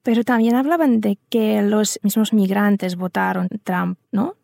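Woman radio host, very gravelly, mellow low tone, formal. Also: steady tone, measured pace, dry recording, clean studio sound. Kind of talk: radio interview.

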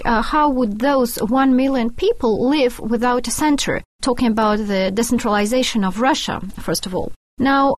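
Woman, higher-pitched, in a dry studio. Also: no echo. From Greece. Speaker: studio guest, independent researcher and author. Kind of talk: unscripted analytical discussion.

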